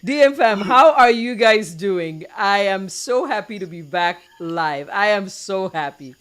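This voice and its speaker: Woman talk show host from Nigeria, playful, teasing, mid-pitched voice, chatty live-show delivery. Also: lively intonation, measured pace, fairly bright tone, clean tone.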